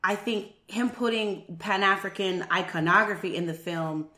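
A woman talks through ideas in a bright, forceful voice, springing into higher, louder tones whenever she acts out what someone might say. The recording carries a noticeable room echo. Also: normal speed. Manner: animated, acts out quotes with rising pitch. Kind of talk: casual discussion. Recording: echoey room.

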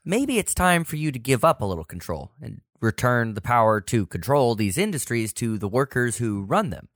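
A man's voice: mid-range voice, sing-song, normal speed, no echo, clean studio sound. A man playing a worried, deferential Secret Service agent in a satirical sketch, pleading formally and politely. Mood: worried, frank. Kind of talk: scripted satirical sketch acting.

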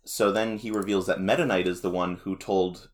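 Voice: deep voice, fairly even intonation, moderate pace. A podcast co-host casually recapping a cartoon, rambling with lots of fillers and restarts. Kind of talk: casual chat.

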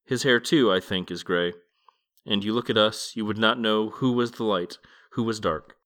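A man's voice: on the low side, normal speed, fairly bright tone, close to an everyday voice. A man voicing a weary, brooding old male god in a podcast book reading, keeping close to his own reading voice.

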